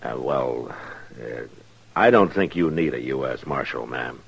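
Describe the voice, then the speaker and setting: Marshal Matt Dillon, very deep, steady lawman. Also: creaky, slightly rough, heavily acted. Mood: patient, firm. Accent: American. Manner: measured, dry, polite but firm. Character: steady, patient, firm male frontier US marshal. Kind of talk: old-time radio western acting.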